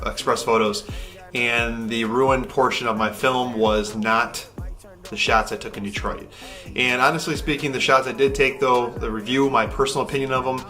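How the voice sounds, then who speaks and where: A man in his thirties talks casually to a camera in an echoey hotel room. His delivery is hesitant and rambling, at an ordinary male pitch. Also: pushed and bright. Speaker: film photography vlogger.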